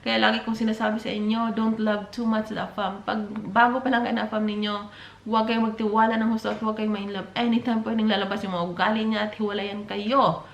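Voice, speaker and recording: A woman's voice: mid-range voice, level tone, brisk, highs cut off. A woman giving dating advice in a casual vlog, chatty, mixing in English phrases and calling her viewers by pet names. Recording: roomy echo.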